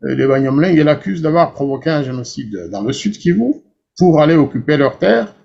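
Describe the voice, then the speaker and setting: Guy hosting a political talk show, gravelly and kinda husky, dull lo-fi sound. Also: fairly high pitch, lively intonation, brisk. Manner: assertive, explanatory. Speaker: radio host.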